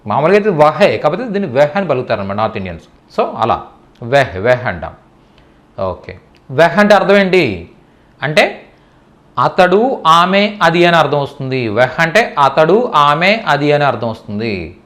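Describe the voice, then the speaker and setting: A man's voice: on the high side, very animated, moderate pace, fairly bright tone. A man teaching Hindi in a spoken lesson, who explains patiently, repeats words and often checks that listeners understand.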